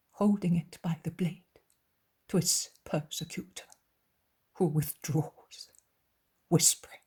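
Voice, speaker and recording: Gentle, calm Jesus voiced by a woman, hushed and tender, slow and husky. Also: fairly low pitch, full character voice.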